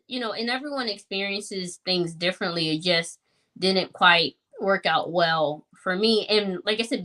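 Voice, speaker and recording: A woman's voice: medium pitch, bright, forceful tone. Woman, thirties, personal testimony, earnest, reflective, conversational fillers. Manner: reflective, earnest, many fillers like "like" and "you know". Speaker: guest sharing her story.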